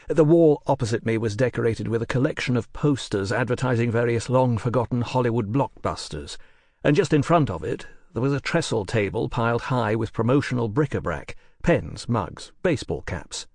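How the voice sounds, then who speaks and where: A man narrating an audiobook in a measured, wry and precise manner, recorded close in a studio. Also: medium pitch, darkish tone, no echo.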